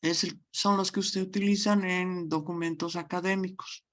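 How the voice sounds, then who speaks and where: A woman's voice: fairly low pitch, steady tone, moderate pace. A woman giving a university language lecture, repeatedly telling students to look closely and stressing question words. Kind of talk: online class lecture.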